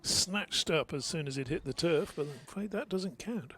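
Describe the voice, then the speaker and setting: A man's voice: fairly high pitch, lively intonation, moderate pace, bright, forceful tone. A man co-commentating on cricket for radio, with easygoing, teasing banter.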